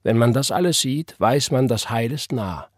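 A man puts on a voice pitched higher than his own to play a fervent churchwoman, delivering pious, emphatic lines loudly and with exclamations. His mid-range voice has lively intonation and a moderate pace, and the acting is light. The studio-quality recording has no room sound.

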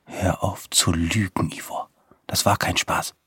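A man voicing a gruff young male friend who talks low and quiet, sometimes in a whisper. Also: very slow, no room sound, clean studio sound, exaggerated voice.

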